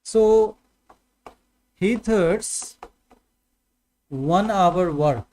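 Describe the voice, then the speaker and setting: A man's voice: sits high, lively intonation, drawn-out words, warm tone, rough recording. A man with an Indian accent teaching a maths class, explaining patiently, repeating points and checking in with his students. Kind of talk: online maths lesson.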